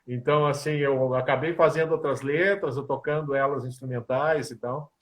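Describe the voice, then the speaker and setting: A man's voice: medium pitch, normal speed. A man, a musician and composer, talking casually in an interview and telling stories. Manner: animated storyteller, sings snippets of lyrics.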